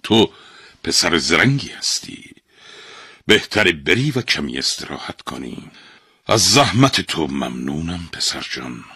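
A man's voice: very deep voice, breathy edge, no room sound, clean studio sound, exaggerated voice. A man voicing a ruler who praises and gives orders to a clever boy in a storybook tale. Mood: amused. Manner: commanding, lively. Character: amused commanding ruler, male, older.

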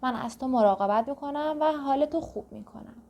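A woman voicing a tiny, kind young girl in a children's storybook, speaking softly and pleadingly. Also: sits high. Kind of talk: storybook reading.

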